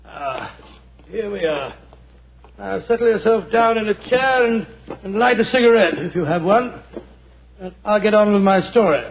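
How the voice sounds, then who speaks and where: A man's voice: sits high, lively intonation, slight background noise. An actor playing elderly Doctor Watson, a genial old doctor telling a story in a 1940s radio drama, with a fatherly, chatty manner. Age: older. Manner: fatherly, chatty, halting restarts. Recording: tinny 1940s radio transcription.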